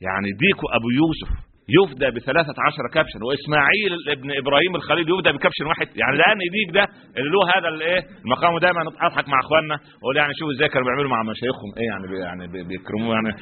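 A man's voice: mid-range voice, rapid-fire. A man with an Egyptian accent giving a religious talk, telling stories with jokes and acting out the quoted lines. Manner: lively, joking storyteller who acts out quotes. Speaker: preacher. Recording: tinny phone-like radio broadcast.

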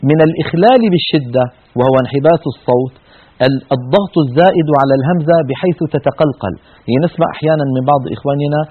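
Man, raised pitch, husky voice, methodical recitation teacher, thin phone-like sound. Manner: methodical, demonstrates sounds and mispronunciations. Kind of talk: recorded lesson on letter articulation. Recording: tinny phone-like lo-fi audio.

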